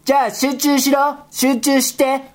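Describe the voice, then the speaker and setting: A woman voicing a bossy, exasperated rabbit character who talks in rough boyish speech and scolds his partner in a comedy skit. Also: high-pitched, level tone, unhurried. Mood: scolding, exasperated. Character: gruff bossy rabbit guy, exasperated straight man.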